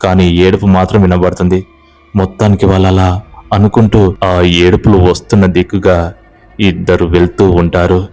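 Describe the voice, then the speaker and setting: A man narrating a horror story in a slow, suspenseful manner. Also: low-pitched, mellow.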